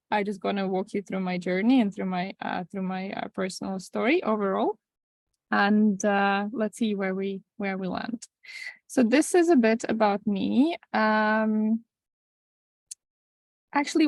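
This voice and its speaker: A woman's voice: medium pitch, creaky, darkish tone, dry recording. A woman in her thirties from Latvia, facilitating an online presentation in a conversational way with frequent restarts, speaking on a video call. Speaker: webinar facilitator.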